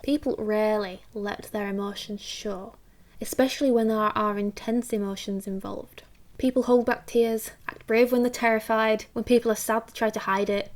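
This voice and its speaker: A woman giving a casual acting lesson, chatty and quick to act out the lines she describes. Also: a little high, darkish tone. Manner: chatty, acts out quoted lines, uses filler 'like'. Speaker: acting teacher.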